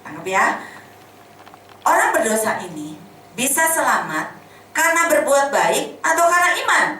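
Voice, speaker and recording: A woman's voice: high voice, big pitch swings, normal speed, sharp tone, slight background noise. A woman giving a conversational sermon, asking the congregation questions and acting out little scenes. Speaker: preacher. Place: church hall. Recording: echoey hall, voice from a distance.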